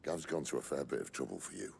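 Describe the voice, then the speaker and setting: An actor playing a gruff, sardonic, commanding rebel leader in a video game, with a gravelly British voice and a dry, blunt way of talking. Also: male voice, a bass voice, quick pace, darkish tone, a little hiss or hum. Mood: firm, persuasive.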